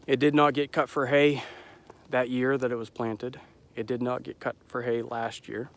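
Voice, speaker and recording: A man's voice: medium pitch, level tone, moderate pace, vocal fry. Young male farmer filming himself in a field, slightly winded and stuffy, chatty and self-deprecating, mid-range voice. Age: young adult. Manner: rambling, self-deprecating, adds disclaimers. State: out of breath, has a cold. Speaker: farmer vlogger. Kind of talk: casual outdoor farm vlog. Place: outdoors in a winter pasture.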